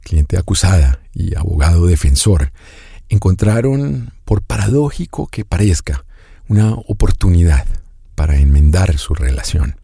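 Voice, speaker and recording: A man hosting a documentary podcast, reading serious narration and asking his guest questions in a measured way. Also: sits low, big pitch swings, vocal fry, dark tone, husky, no room sound, clean studio sound. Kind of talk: scripted narration and interviewing.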